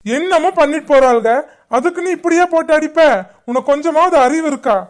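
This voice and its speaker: A woman's voice: fairly high pitch, a little fast, lightly acted. A woman voicing a protective cartoon father who scolds his wife and comforts his daughters. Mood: indignant. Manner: indignant, then soothing. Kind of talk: cartoon voice acting.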